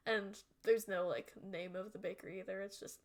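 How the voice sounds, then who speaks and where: A woman's voice: medium pitch, steady tone, a little fast. A woman narrates a tabletop game as game master. She is chatty and giggles often, filling her descriptions with ums and likes.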